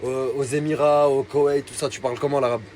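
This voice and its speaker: A man's voice: mid-range voice, flat delivery, quick pace, darkish tone, a little hiss or hum. A man chatting casually, asking teasing, admiring questions. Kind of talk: casual chat.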